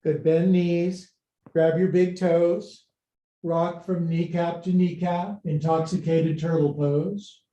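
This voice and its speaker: A middle-aged man with a slightly high, mellow voice teaches a live online yoga class. He takes his time, giving brief commands and counts, then slips into playful, folksy jokes. The room around him is clearly echoey. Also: level tone, slow pace, dull audio. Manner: playful, folksy, joking asides and silly sound words. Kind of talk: live-streamed exercise class instruction.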